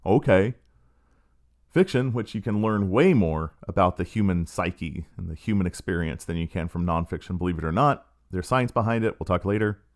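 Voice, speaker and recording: Sardonic low-voiced man. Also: lively intonation, moderate pace. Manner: sardonic, storytelling with acted quotes. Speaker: podcast host. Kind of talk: casual monologue.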